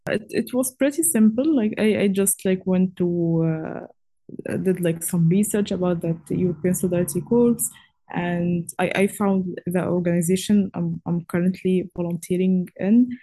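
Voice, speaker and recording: Woman, 20s, from Egypt, interview guest, lower pitch, hesitant, filler-heavy. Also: normal speed, dark tone. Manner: hesitant, many fillers and restarts. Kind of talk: casual interview.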